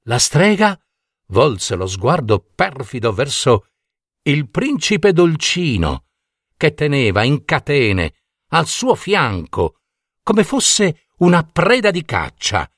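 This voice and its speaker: Slow, expressive male storyteller. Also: fairly high pitch, dry recording, studio quality. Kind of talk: scripted fairy-tale narration.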